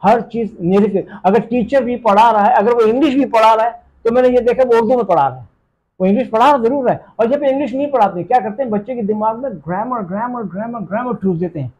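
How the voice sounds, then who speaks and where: A man's voice: very high-pitched, fast talker, darkish tone, dull audio. A man from Pakistan who teaches English, answering interview questions emphatically and slipping in English phrases. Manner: emphatic, mixes in English phrases, asks "theek hai?".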